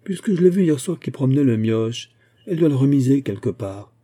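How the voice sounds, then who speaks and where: A man's voice: mid-range voice, animated, a little fast, mellow, pitched above the performer's own voice, natural voice. A man voicing a gossiping young female shop clerk in a storybook reading, mocking and knowing. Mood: gossipy.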